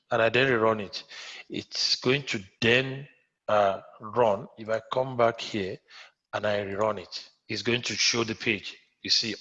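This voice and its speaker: In muffled, lo-fi audio, a man with a Nigerian accent runs a live coding class online. He speaks in a lowish, slightly bright voice, says things more than once, and often asks whether the students are following.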